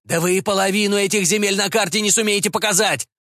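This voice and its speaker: A man's voice: high-pitched, sing-song, moderate pace, pushed and bright, no echo, clean studio sound, voice pushed up, heavily acted. A man voicing a hissing, indignant Polish nobleman, a vampire, in an audiobook. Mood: furious.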